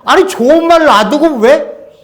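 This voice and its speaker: A man preaching a sermon as pastor, swinging between loud exhortation and hushed, near-whispered lines, often putting rhetorical questions to the congregation. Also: very high voice, animated, normal speed.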